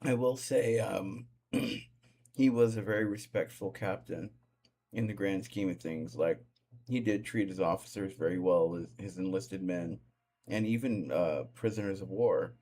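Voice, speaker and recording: A man's voice: low voice, a little slow, warm tone, slight background noise. A man hosting a stream, chatting casually with hesitant fillers. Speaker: streamer and host. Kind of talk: casual chat.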